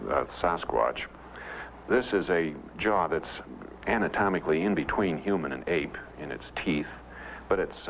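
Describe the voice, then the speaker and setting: Very deep, gravelly male academic. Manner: halting, deliberate, matter-of-fact. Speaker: anthropologist interviewee. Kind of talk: informal expert explanation. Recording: dull old film sound, faint noise.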